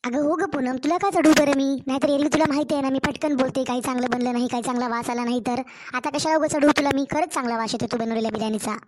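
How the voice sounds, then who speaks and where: A woman voicing a sharp-tongued married sister-in-law in a cartoon family story, taunting and nagging, with a Marathwada Marathi accent. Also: sits high, fairly even intonation, quick pace, lightly acted. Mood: needling.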